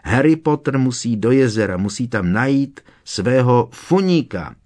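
A man voicing an eager male house-elf servant who shrieks in a squeaky voice and talks about himself in the third person. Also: lively intonation, darkish tone, natural voice. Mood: pleading.

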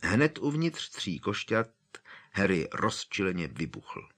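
Male audiobook narrator, deep-ish voice, very animated delivery. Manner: expressive, dramatic storytelling.

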